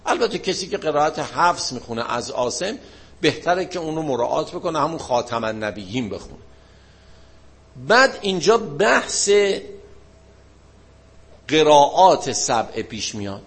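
A man's voice: on the high side, very animated, creaky, pauses often, a bit bright. Man teaching a casual religious lesson. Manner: explanatory, asks and answers his own questions.

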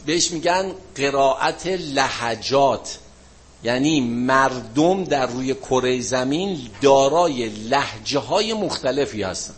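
A man teaching religion to a class, explaining at an easy conversational pace. He talks casually and piles up everyday examples, and his voice sits at an ordinary middle pitch. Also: slight background noise. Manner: relaxed, colloquial explaining with frequent examples; closes with a chanted-style supplication. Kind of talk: classroom talk with questions from students.

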